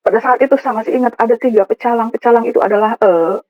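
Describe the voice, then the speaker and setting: A Sundanese woman from West Java gives an emotional personal testimony to a church congregation, often turning to speak to the listeners directly. Her voice is on the high side and fast. The recording is dull and dry, without echo.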